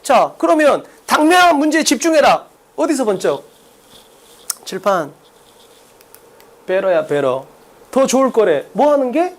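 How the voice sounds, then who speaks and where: Brash lively Korean exam lecturer, man. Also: extremely high pitch. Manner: brash, blunt, rhetorical questions. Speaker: English test-prep lecturer.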